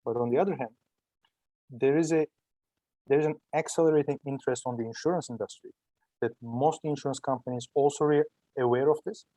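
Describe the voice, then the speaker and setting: A man with a Turkish accent answers interview questions in an explanatory way, often repeating and rewording. His tone is dark and relaxed at a middle pitch. The sound is very dry. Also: a little fast, no room sound, low-quality recording. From Turkey. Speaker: startup entrepreneur being interviewed.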